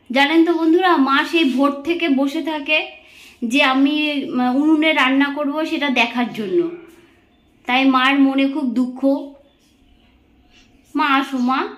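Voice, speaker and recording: A woman vlogging with her family, gently coaxing and soothing an elderly mother while talking to her viewers. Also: sits high, steady tone, takes it slowly, pauses often. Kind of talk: casual family vlog talking to camera.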